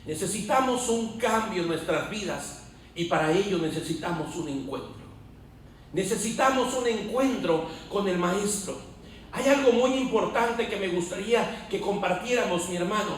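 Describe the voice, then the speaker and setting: A man with a high, ringing voice delivers a fervent sermon. He is heard from some distance in a very echoey hall, and his preaching climbs to shouts at its peaks. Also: lively intonation, moderate pace, slight background noise. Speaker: pastor. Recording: very echoey church hall, mic far off.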